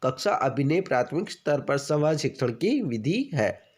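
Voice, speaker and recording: Fairly high-voiced man teaching in a drill style. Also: sing-song, moderate pace, darkish tone. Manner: asks questions and answers them himself, repeats key facts; keeps addressing listeners as friends. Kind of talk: exam-prep lecture.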